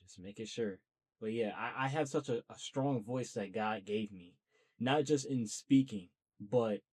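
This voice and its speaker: Speaking to camera in a casual solo monologue, a young man who hosts a podcast rambles earnestly about starting one, talkative and pushing himself along. He has a mid-range voice with a darkish tone.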